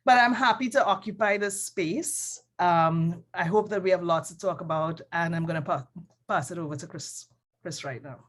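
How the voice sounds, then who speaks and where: Over video call, a woman with a Trinidadian accent joins a relaxed panel conversation as a design professor. Her fairly low voice carries frequent pauses and self-corrections, reflecting a thoughtful, tentative manner. She is from Trinidad and Tobago.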